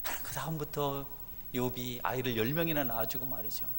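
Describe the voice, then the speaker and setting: A middle-aged man preaching a sermon as a pastor, swinging from hushed, confiding asides to loud, fervent exhortation. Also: mid-range voice, moderate pace, slight background noise. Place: church sanctuary. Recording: church sanctuary with long reverb.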